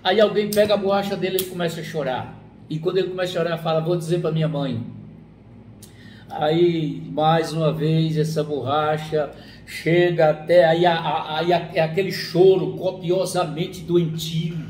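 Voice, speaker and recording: A man talks through a psychology lesson in a lively, animated way, voicing the parents and children in his examples. His voice sits high for a man. The room is echoey, with a faint hum of ambience behind him. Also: moderate pace. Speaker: psychologist giving a talk. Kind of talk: explanatory talk.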